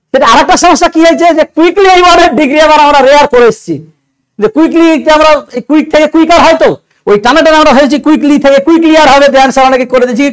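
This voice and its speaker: A man teaching English grammar in an exam doubt-clearing lecture, explaining step by step and asking his students questions along the way. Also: very high-pitched, low-quality recording.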